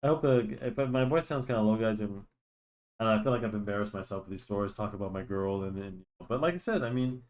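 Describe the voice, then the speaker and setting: This drawing channel host, a young man, has a fairly low, darkish voice and talks fast while chatting casually as he draws. His speech rambles with plenty of restarts and fillers, he's slightly nasal with a cold, and a desk microphone captures him.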